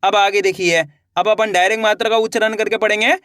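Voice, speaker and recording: A man's voice: sits high, little pitch movement, fairly bright tone, no room sound, clean studio sound. A man teaching Hindi reading, stretching out each syllable carefully and encouraging viewers as friends. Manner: drawn-out, careful letter-by-letter pronunciation. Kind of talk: slow syllable-by-syllable reading lesson.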